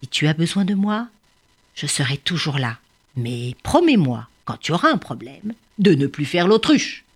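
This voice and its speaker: Woman playing a clever small male bird, brave, kind, low calm voice, storybook. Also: moderate pace, slightly rough, exaggerated voice. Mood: reassuring.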